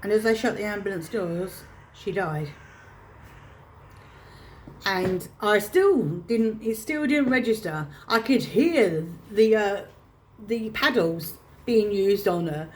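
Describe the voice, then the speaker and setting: A woman telling a painful personal story to camera, halting and restarting her phrases as she holds back emotion. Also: mid-range voice, expressive, slight background noise. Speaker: vlogger.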